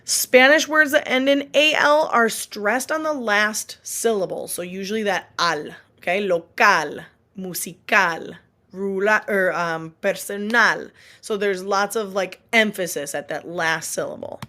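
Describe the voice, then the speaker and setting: A woman's voice: mid-range voice, normal speed, few pauses, sharp tone. A woman who is a Spanish teacher and a mother, speaking in a recorded online lesson and patiently repeating example words. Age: adult.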